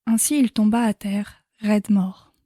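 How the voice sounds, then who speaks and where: A woman's voice: medium pitch, steady tone, unhurried, dark tone, dry recording, studio quality. Woman narrating a classic audiobook.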